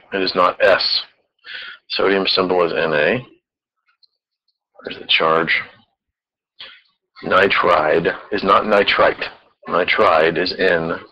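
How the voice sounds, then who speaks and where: A man's voice: low voice, muffled recording. A man teaching chemistry in a recorded lecture, explaining patiently step by step.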